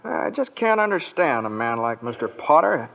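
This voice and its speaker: A man's voice: medium pitch, sing-song, moderate pace, gravelly. An actor playing an eager, restless young American man, stammering earnestly in 1940s radio style. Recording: muffled, reverberant old radio broadcast.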